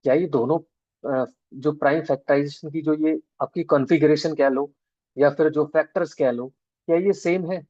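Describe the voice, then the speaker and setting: Muffled and free of room sound, the recording captures a mellow male voice on the high side with fairly even intonation. He is a maths teacher with an Indian accent, running an online class in mixed Hindi and English. He goes step by step, slowly drawing out key terms and often checking in with students.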